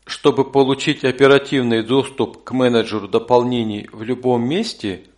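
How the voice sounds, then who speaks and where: Measured male tutorial narrator, medium pitch. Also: steady tone. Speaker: audio course instructor. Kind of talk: scripted instructional narration.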